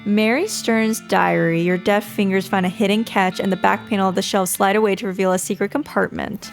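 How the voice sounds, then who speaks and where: A woman's voice: mid-range voice, fairly even intonation, fairly quick, creaky, faint music behind. A woman doing casual video game playthrough commentary, reading the on-screen text aloud and adding her own remarks.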